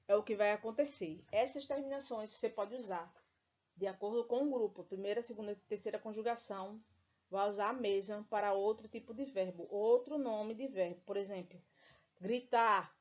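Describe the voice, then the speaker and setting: A female teacher with a Brazilian Portuguese accent giving a recorded grammar lesson, reciting verb conjugations slowly and deliberately and often checking in with her students. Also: a little high, dull audio. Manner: slow, deliberate recitation of verb forms with frequent check-ins.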